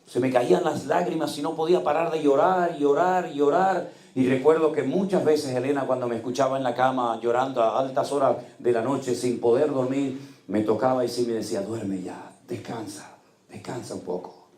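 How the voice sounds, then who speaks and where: A middle-aged male pastor preaches with emotional, storytelling delivery. He moves from loud exclamations to near-whispers. His voice carries a roomy echo from a church hall. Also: medium pitch, steady tone, fairly quick. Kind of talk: sermon.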